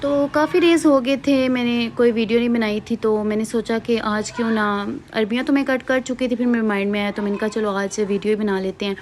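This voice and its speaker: A woman's voice: a little high, fairly even intonation, brisk, few pauses, a little mellow, slight background noise. A young woman, chatting casually through a home cooking vlog voice-over, with asides and fillers. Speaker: vlogger. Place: hot room at home, fan switched off.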